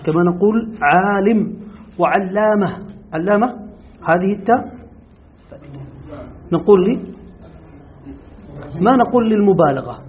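A man's voice: high voice, a little hiss or hum. A man, a sheikh, teaching Quran commentary and explaining points to his students. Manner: explains and adds points, ending with a confirming word. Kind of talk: explanatory religious lesson. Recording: tinny phone-like lo-fi audio.

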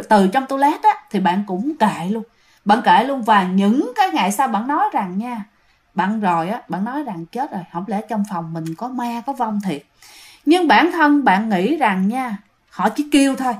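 Woman narrator, slightly high voice, casual ghost-story telling, talks straight to listeners. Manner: chatty, addresses listeners directly.

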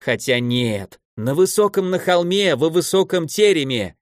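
A man's voice: fairly high pitch, expressive, a little slow, no echo, clean studio sound, pitched above the performer's own voice. A man voicing a boisterous old archmage stuck in a child's body, who bellows gleefully and scolds in a wheedling tone.

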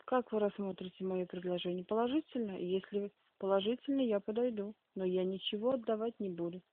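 A woman's voice: medium pitch, a little fast, noisy background. Defiant woman on a tinny phone line. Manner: blunt, defiant, taunting. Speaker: debtor answering collection calls. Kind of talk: combative phone conversation. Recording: narrow muffled phone-band sound.

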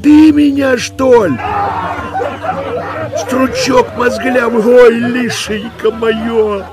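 A man voicing a shrill, scolding old peasant wife in an audiobook, with music behind. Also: fairly even intonation, extremely slow, crowd noise, exaggerated voice. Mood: shrieking. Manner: shrieking, scolding, lamenting. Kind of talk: audiobook character voice.

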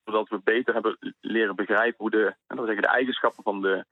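A man's voice: on the low side, fairly even intonation, fast talker, no room sound. A man interviewed over the phone as a university researcher, explaining in a hesitant way with many fillers. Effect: phone line. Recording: tinny phone line, dry.

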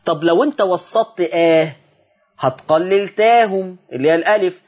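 A man with an Egyptian accent teaching Quran recitation on a televised lesson, explaining quickly and then reciting example words slowly. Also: sits high, highs cut off.

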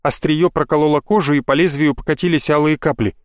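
A man reads fantasy prose aloud in an even, expressive manner. His voice sits a little high, and the recording is dry and close with no room around it. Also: quick pace, dry recording. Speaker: audiobook narrator. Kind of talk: scripted fantasy narration.

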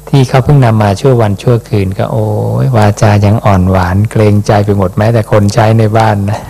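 A Buddhist monk with a fairly low voice reads scripture aloud and explains it during an unhurried dhamma talk. He ends his phrases with a soft questioning particle.

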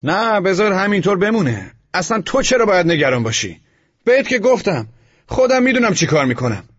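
A brash, overbearing man yelling high and wild, swinging his pitch all over, as a male narrator puts him on. He mocks and bullies. The storybook recording sounds a little dull and lo-fi. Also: very animated, husky, full character voice. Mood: mocking. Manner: shouting, mocking, overbearing. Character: loud brash bullying male neighbor Scope.

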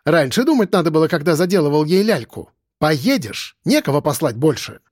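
A man voicing a bossy, loud middle-aged woman who runs a factory department and scolds her staff, read as an audiobook character. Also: high-pitched, sing-song, moderate pace, no echo, clean studio sound, pitched above the performer's own voice. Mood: scolding. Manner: barking, scolding, domineering.

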